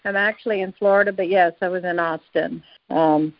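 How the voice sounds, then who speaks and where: A woman's voice: fairly low pitch, steady tone, a little fast, no echo. A woman phoning in to a radio show, asking questions hesitantly and repeating words. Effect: caller heard over a phone line. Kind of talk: casual phone-in questions. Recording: dull lo-fi phone line, dry.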